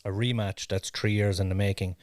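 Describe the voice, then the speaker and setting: Deep-voiced man, dry sound. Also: brisk, dry recording. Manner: animated, laughs often. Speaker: podcast co-host. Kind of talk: casual chat.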